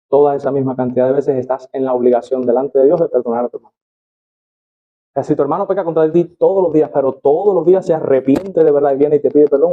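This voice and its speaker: A man pastor preaches a sermon in Spanish, reading scripture aloud with expressive rises and falls and calling the congregation brothers. His voice is on the high side, and the sound is phone quality.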